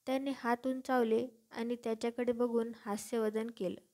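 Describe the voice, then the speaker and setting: Woman narrating a storybook in a fairly high voice. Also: moderate pace. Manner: steady storytelling. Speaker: audiobook narrator. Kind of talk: scripted narration.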